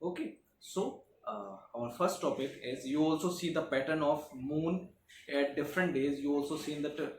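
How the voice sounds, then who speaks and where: A man teaching a geography lesson to schoolchildren, often filling pauses with "okay" and "uh". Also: on the high side. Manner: frequent "okay" and "uh" fillers, repetitive explaining. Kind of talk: classroom lecture. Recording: echoey room, faint background noise.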